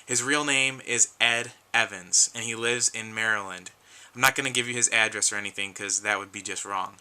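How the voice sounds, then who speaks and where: A man's voice: on the low side, pushed and bright, clear, resonant tone, poor audio. A man talking earnestly to camera in a casual vlog, rambling with frequent restarts and losing his voice a little. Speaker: YouTube collector vlogger.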